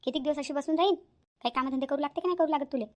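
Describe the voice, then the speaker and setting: A woman doing a shrill grumbling village grandma. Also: very fast, darkish tone, lightly acted. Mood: scolding. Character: bossy village grandmother, mother-in-law, grumbling. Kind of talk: cartoon voice acting.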